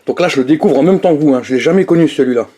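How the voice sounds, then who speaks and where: Young guy doing a food review vlog, chatty and slangy, voice sits a bit high. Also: rapid-fire, mellow. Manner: chatty, slangy, talks straight to viewers.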